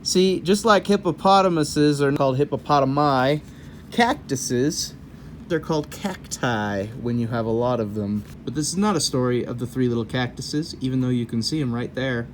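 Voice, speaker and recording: The host of a children's read-aloud show reads a story in a medium-pitched voice at normal speed, with slight background noise. His style is folksy and meandering, punctuated by casual jokes on the side.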